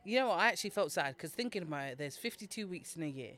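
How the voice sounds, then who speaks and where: A man's voice: a little high, expressive, very fast, bright, forceful tone. A man co-hosting a podcast, chatting casually in a laid-back, easily amused way. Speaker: podcast co-host. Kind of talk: casual chat.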